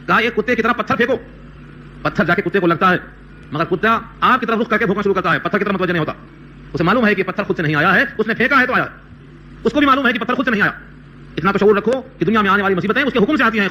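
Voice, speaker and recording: High bright-voiced male preacher. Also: a little hiss or hum. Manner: recites Arabic verses slowly then explains them plainly; emphatic, repeats phrases for stress. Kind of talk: Quran commentary sermon.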